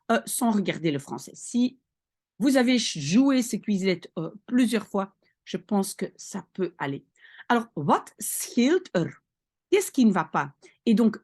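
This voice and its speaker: A woman teaching vocabulary in an online lesson. She explains patiently, reads each phrase slowly, translates it, and often checks in with "d'accord?". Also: medium pitch, darkish tone, slightly rough. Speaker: language teacher.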